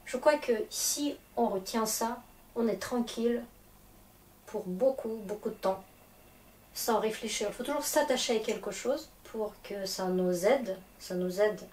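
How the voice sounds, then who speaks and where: A woman teaching a language lesson at a slow, deliberate pace, regularly stopping to ask whether everyone is following. She is a native Russian speaker and sits well back from the mic. The room has a noticeable echo and a faint hiss in the background. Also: on the high side, darkish tone. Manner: patient, checks understanding often. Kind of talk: classroom lesson. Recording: echoey room, distant mic, faint noise.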